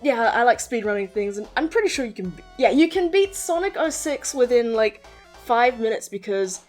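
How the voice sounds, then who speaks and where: A woman with a fairly high, very animated voice speaks at a moderate pace, quizzing a partner on game characters and explaining the lore. She's casual and enthusiastic, swearing freely, with background music under her voice.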